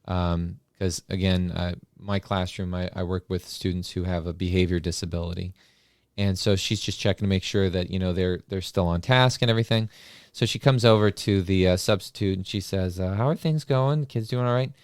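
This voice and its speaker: Low-voiced man telling a story, dry sound. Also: moderate pace, no echo. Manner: animated anecdote-telling with many filler sounds. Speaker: podcast host and classroom paraprofessional. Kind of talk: casual storytelling.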